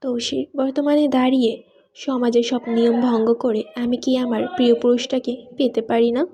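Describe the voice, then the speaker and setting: A woman reading the part of a proud, sharp-tongued young wife in an audiobook, speaking with indignant, biting retorts. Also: on the high side, flat delivery, normal speed, a little hiss or hum, natural voice. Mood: pleading.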